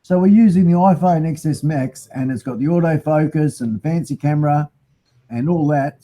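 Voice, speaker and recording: A man's voice: fairly high pitch, warm tone, rough recording. A man with a broad New Zealand accent hosting a casual live stream, rambling and matey as he chats to viewers. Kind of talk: casual live chat, reading out viewer comments.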